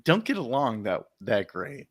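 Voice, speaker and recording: Male co-host, mid-pitched, relaxed and teasing, quick to laugh. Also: breathy edge. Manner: laid-back, laughs easily, teasing. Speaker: podcast co-host. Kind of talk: casual sports chat.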